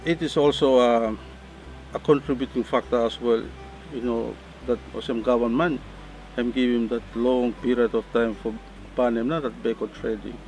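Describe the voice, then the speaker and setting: A man's voice: medium pitch, steady tone, normal speed, a little mellow, faint music behind, rough recording. Male interviewee, middle-aged, Solomon Islands accent, mid-range voice, explaining. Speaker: conservation coordinator. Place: outdoor deck by a river.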